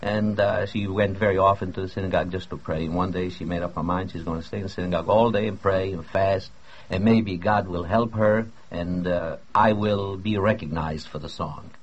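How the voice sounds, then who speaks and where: A man's voice: low-pitched, steady tone, a little fast, slightly rough. A man being interviewed on an old 1962 radio recording, telling his story plainly and unhurriedly, with hesitations. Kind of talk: reminiscing interview talk. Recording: muffled lo-fi archival radio tape.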